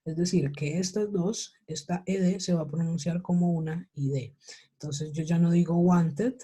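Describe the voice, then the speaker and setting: A woman with a fairly low, mellow, husky voice and a steady tone teaches an English class over a video call at normal speed. She is patient, checking in with her students often through repeated questions in this online lesson.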